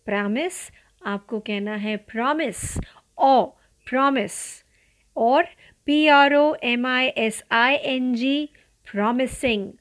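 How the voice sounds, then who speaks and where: Indian woman, pronunciation teacher, slightly high voice, unhurried drilling delivery. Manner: slow, deliberate, spells out letters and repeats words for drill. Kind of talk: pronunciation lesson, spelling words aloud.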